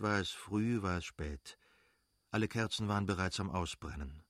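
A man reading a literary novel aloud as narrator, measured and dramatic. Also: on the low side, dry recording, clean studio sound. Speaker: audiobook narrator.

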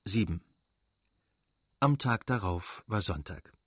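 A man reads an audiobook in a measured, even way. His voice sits somewhat low. The recording is close and dry, with no room sound. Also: breathy edge, no room sound. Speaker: narrator. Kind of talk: audiobook narration.

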